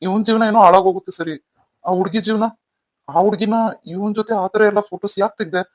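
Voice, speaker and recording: Actor voicing a probing cartoon young man, doubtful, fast, dry sound. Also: mid-range voice, steady tone, dry recording, lightly acted. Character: young man, questioning a villain's accomplice. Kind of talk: cartoon story voice acting.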